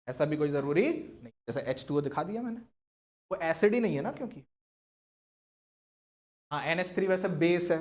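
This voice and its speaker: A man teaching a chemistry class, constantly asking his students questions and coaxing them to answer. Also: sits high. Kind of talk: classroom lecture.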